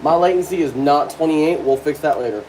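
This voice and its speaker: A man's voice: fairly high pitch, brisk, darkish tone, slight background noise. A young adult man chatting loosely to viewers on a live stream, rambling and breaking into bits of rap and singing. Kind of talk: casual live-stream chat.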